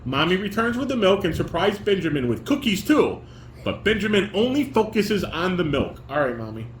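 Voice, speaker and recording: This father, middle-aged, runs a family table read in a very animated, high voice at a moderate pace. He reads the stage directions and patiently demonstrates and corrects each step; the room is echoey and the recording has background noise.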